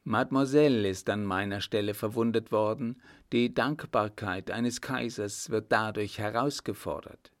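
A man's voice: fairly low pitch, normal speed, hardly any pauses, natural voice. A man reading the lines of a curt, commanding, sarcastic emperor in an audiobook. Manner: clipped, imperious.

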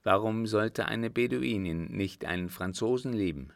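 A man's voice: fairly low pitch, a little slow, gravelly, no room sound, clean studio sound. A man reading an earnest young lover. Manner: earnest, determined.

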